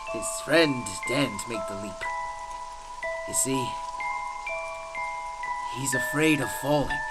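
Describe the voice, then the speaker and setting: Manic, theatrical Joker, wildly swinging pitch. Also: male voice, rough recording. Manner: theatrical, halting delivery broken by giggles. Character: manic, theatrical, mocking male comic-book supervillain clown. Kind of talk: radio drama acting. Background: music.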